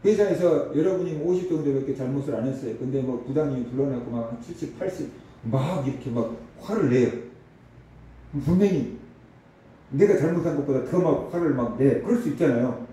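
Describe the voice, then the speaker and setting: Pastor preaching in an echoey hall. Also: male voice, medium pitch, brisk, dark tone, a little hiss or hum. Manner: conversational, asks the congregation rhetorical questions. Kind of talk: sermon. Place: church sanctuary. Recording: distant echoey hall recording.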